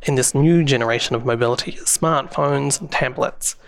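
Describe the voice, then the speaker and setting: Speaking a little fast in a mid-range voice, this New Zealand-accented man is an interview guest who works in public safety software. He answers in an explanatory manner, full of fillers and false starts.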